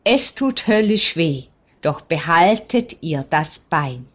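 A stern, caring country doctor from an old storybook, voiced by a woman reading aloud. He speaks bluntly and earnestly, in a slow, unhurried delivery. The recording sounds somewhat dull and muffled. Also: deep voice, very animated, fairly bright tone, exaggerated voice. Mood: grave.

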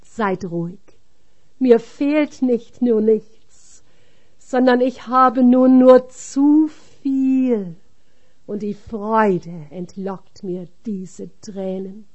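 A woman reading the lines of a devout man overwhelmed with reverent joy, slow and reverent. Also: on the high side, darkish tone, dull audio.

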